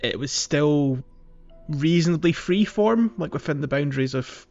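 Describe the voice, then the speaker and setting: With a slightly high, creaky, darkish voice and lively intonation, a man hosts a podcast at a moderate pace, musing hesitantly and at length about a video game in a casual way. The recording is a bit dull, with background music underneath.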